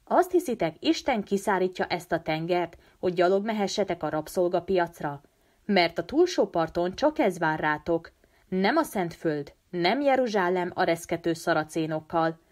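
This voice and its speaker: An earnest teenage boy leader pleads urgently with his friends, as a woman reads him in an audiobook. The voice sits a little low and stays steady and serious, an ordinary reading voice with an urgent push.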